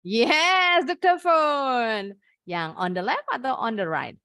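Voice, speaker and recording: Indonesian lady teaching english, bouncy pitch, takes her time, dry close sound. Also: very animated, creaky, fairly bright tone, dry recording. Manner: patient, explains slowly, praises students. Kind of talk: online class teaching.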